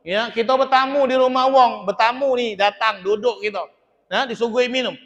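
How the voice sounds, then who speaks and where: Male preacher, high-pitched and animated; long mosque reverb. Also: moderate pace, lo-fi sound. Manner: lively, humorous, acts out scenes. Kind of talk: mosque sermon. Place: mosque hall.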